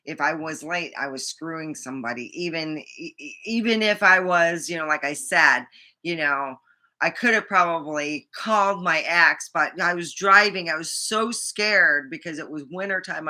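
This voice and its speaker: Female vlogger, middle-aged, American. Slightly low but forceful tone, casual, rambling, sweary delivery. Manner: rambling, blunt, profane. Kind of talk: casual chat to camera.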